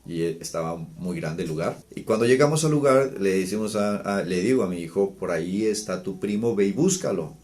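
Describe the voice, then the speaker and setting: A man with a deep, low voice speaks as a psychologist about raising children. He talks calmly and explains things step by step, often restarting his phrases and pausing on fillers. He sounds like he is in his thirties. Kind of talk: talking to camera about parenting.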